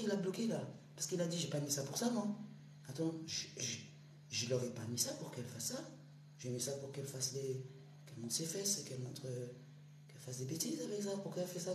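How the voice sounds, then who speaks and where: Animated woman rambling in an echoey room. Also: deep voice. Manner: animated, swinging between hushed whispers and loud outbursts; street slang, addresses listener directly. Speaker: spiritual speaker. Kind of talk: rambling spiritual monologue to an online audience. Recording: roomy echo with faint hum.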